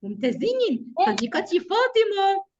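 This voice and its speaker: A woman teaches a kindergarten class over a video call, her voice high and swooping. She speaks in an affectionate, encouraging sing-song. The audio is dull and muffled. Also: sing-song, moderate pace, darkish tone, a little hiss or hum. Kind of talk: online class for small children.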